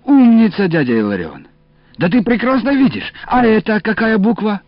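A man voicing a tipsy, playful young male student who speaks in an excited, affectionate, raised voice. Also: sits high, normal speed, dry recording, voice pushed up. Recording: dull dry studio audio, faint music.

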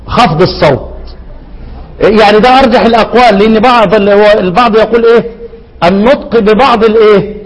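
A man with an Egyptian accent teaching Quran recitation, constantly quizzing his students and drawing out verses in a slow chant. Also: high voice, long reverb tail, poor audio. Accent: Egyptian Arabic. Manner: keeps quizzing students with questions, repeats answers. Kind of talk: classroom explanation of a recitation poem.

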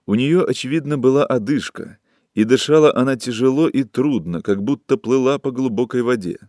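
A man narrating a literary story aloud in a steady, measured way. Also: medium pitch, no echo, clean studio sound. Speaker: audiobook narrator.

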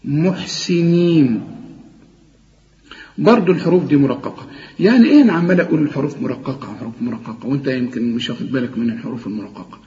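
A man's voice: mid-range voice, warm tone. Man teaching recitation in a reverberant hall. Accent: Egyptian Arabic. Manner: explains rules, then recites words slowly and drawn out. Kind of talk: tajweed lesson with chanted examples. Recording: dull, lo-fi audio with long reverb.

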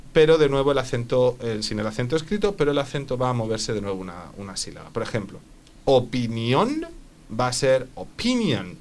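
A man teaching English on the radio, patiently repeating phrases for a learner. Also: medium pitch. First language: Spanish.

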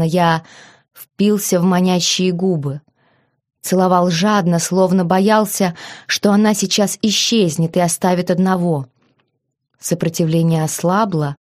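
A woman reading a romance novel aloud in an even, intimate first-person storytelling manner. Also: fairly low pitch. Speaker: audiobook reader. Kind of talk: scripted romance narration.

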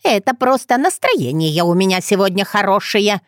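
A woman voicing a sly, hunched ancient village witch woman who talks in a slow, creaky, mocking way. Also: medium pitch, sing-song, dry recording, studio quality, lightly acted. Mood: scornful.

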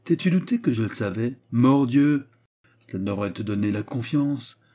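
A man's voice: medium pitch, animated, moderate pace, dark tone, close to an everyday voice. A man voicing a scheming, garrulous old male baron who needles his son, in an audiobook reading. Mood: needling. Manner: sly, needling, boisterous. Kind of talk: audiobook character voice.

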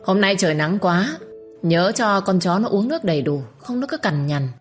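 A woman's voice: mid-range voice, lively intonation, normal speed, soft background music, voice pushed up, natural voice. A woman doing a sly scolding concubine. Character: scheming sharp-tongued older concubine wife.

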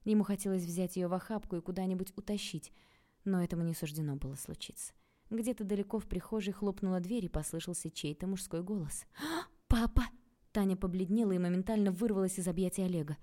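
Mellow, low-voiced woman narrating. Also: fast. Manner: calm, even storytelling. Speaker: audiobook narrator. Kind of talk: scripted narration.

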